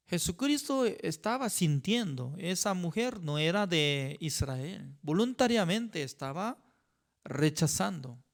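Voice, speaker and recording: A male pastor teaches a Bible study at an unhurried, deliberate pace. He speaks in halting, simple sentences, often pausing to check in with his listeners. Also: on the high side. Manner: halting, with frequent rhetorical "¿no?" asides; non-native phrasing with simple grammar.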